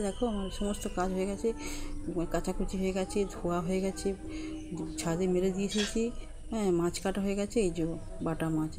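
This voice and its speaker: A woman chatting softly to viewers as friends while she does household chores. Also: on the low side. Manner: speaks softly and quietly. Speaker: vlogger. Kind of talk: casual home vlog chat. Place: house with rooms, kitchen and rooftop. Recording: noisy home recording.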